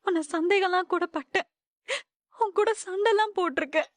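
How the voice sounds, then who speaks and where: A woman's voice: very high voice, moderate pace, no room sound. An actress in a TV serial playing a young wife who apologizes to her husband through tears. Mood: remorseful. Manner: tearful, apologetic. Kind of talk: Tamil TV serial acting.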